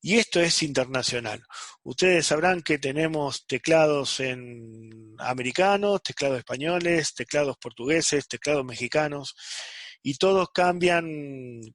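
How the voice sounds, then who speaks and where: A man's voice: fairly high pitch, measured pace, fairly bright tone, dry recording. A man teaching a programming class online, checking in with the students after nearly every phrase. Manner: checks understanding with frequent "¿sí?" and "¿está?".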